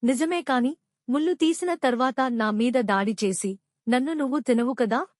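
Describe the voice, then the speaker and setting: A woman voicing a kind young prince in a storybook, speaking gently and reassuringly. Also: high voice, normal speed, no room sound, studio quality, natural voice. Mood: gentle.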